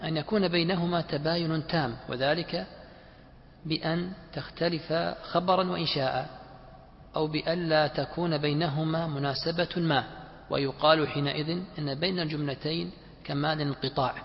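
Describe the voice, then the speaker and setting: A man's voice: on the high side, fairly even intonation, normal speed, creaky. Brief: male student reading numbered points steadily, dull lo-fi sound. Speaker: student reading the text aloud. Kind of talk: reading aloud in class. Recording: muffled recording in echoey hall.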